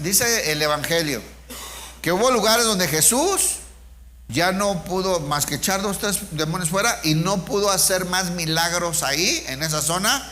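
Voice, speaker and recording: Sharp in tone and high in pitch, a middle-aged man gives a casual sermon drawing on his own testimony. His style is conversational, and he keeps asking his listeners rhetorical questions.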